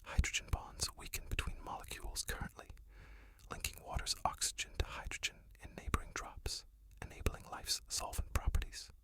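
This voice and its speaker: The voice is a soft, breath-only whisper with a bright, crisp edge. It narrates science as sleep ASMR, gently and unhurriedly, in the manner of a spa relaxation guide.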